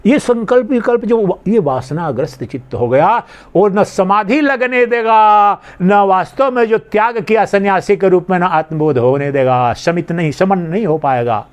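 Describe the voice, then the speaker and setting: An older man, a swami, giving a conversational spiritual discourse on scripture, sometimes acting out imagined speakers in a lower, softer voice. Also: lively intonation, normal speed, few pauses.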